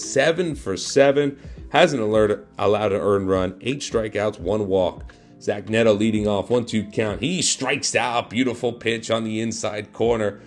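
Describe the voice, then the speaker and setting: A man giving play-by-play commentary over his own video game, excitable and quick to jump up loud at big moments, his voice a little worn. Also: lowish voice. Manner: excitable, voice jumps up and gets loud at big plays. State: losing his voice. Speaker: gaming YouTuber.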